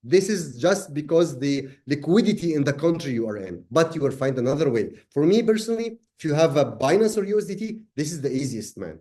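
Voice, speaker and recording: Brief: man, from Egypt, webinar host, easygoing and halting, somewhat high voice, mellow tone. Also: big pitch swings. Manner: casual, many fillers, friendly "man". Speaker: trading webinar presenter. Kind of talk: live webinar Q&A.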